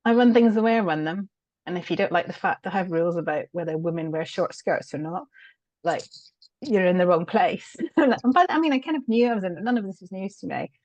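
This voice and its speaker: A middle-aged British woman, appearing as a guest on an interview show, talks candidly about her work as a change consultant, laughing often and using plenty of fillers. Her voice is lowish, a little mellow, and slightly quick. The recording is muffled, with no echo.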